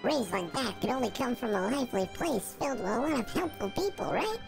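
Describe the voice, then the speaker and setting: Brief: excitable young origami girl, voiced by a man on a pitch-up voice changer, swooping lively delivery. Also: fairly quick, gravelly, over music, exaggerated voice. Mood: excited. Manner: bubbly, excitable, sing-song. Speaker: let's play gamer reading a character's lines.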